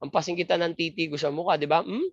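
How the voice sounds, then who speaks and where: A man's voice: fairly high pitch, level tone, racing, no room sound. A man giving an exam review lecture, joking crudely and asking and answering his own questions. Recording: dry, muffled lo-fi lecture audio.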